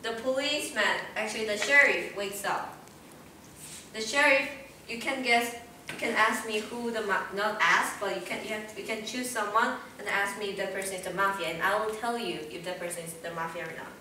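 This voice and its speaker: A woman's voice: medium pitch, brisk, pushed and bright, far from the mic. A young woman narrating and moderating a party game for a group. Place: medium indoor common room, group in a circle. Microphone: distant handheld camera. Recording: noisy echoey room, picked up from afar.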